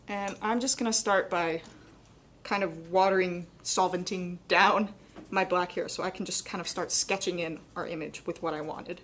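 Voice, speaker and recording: During a live painting demonstration, a young adult woman teaches in a relaxed, talkative style, dropping plenty of "like" and "kind of." Her voice sits lowish, fairly bright and slightly cracking, with a little background noise behind it.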